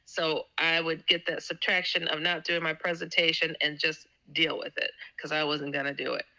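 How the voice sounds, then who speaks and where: A woman's voice: deep voice, flat delivery, moderate pace, bright, forceful tone, low-quality recording. A woman guest telling a personal story in a casual interview, stammering and repeating words as she acts out quotes. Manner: laughs often between sentences. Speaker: guest author.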